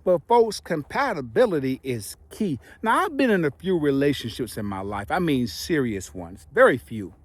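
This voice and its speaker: A middle-aged man giving casual, playful relationship advice to viewers, speaking emphatically with dramatic pauses and slightly impeded by the retainers he is wearing. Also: on the high side, sing-song, no echo.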